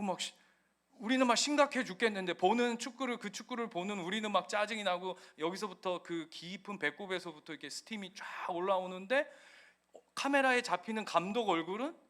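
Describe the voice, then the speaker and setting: A male pastor preaches a sermon in a church with a high, bright voice. He talks in an animated way and acts out the scenes he describes. The tone stays forceful and clear throughout.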